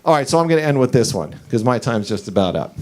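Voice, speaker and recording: A man in his forties performing a stand-up comedy set, telling stories in an animated way with his voice rising as the story builds. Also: fast. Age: 40s. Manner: animated storytelling, pitch climbing as the story heats up. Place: comedy club stage.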